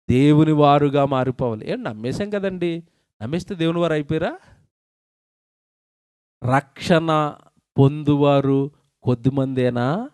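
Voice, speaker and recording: A man preaching a sermon at a public meeting, questioning his listeners and quoting scripture slowly and emphatically, with a Telugu accent. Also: a little high, clear, resonant tone, dry recording, studio quality. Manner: questions the crowd, quotes scripture slowly and loudly.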